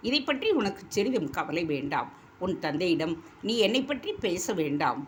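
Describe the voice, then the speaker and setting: A woman's voice: lowish voice, a little hiss or hum. A woman voicing an earnest young prince.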